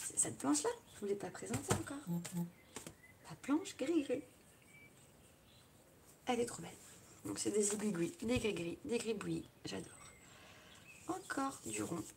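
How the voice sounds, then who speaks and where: A woman's voice: medium pitch, lively intonation, a little slow, vocal fry, pauses often. Chatty French woman narrating a craft tutorial. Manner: chatty, narrates each step with little "hop" and "voilà" asides. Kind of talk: casual live crafting tutorial. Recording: loud background noise with clicks.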